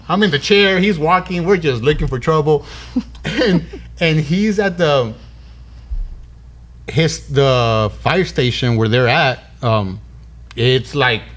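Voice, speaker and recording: A man in his thirties hosting a podcast, telling a story in casual slang and acting out the dialogue. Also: medium pitch. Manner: animated, slangy, acts out quoted dialogue.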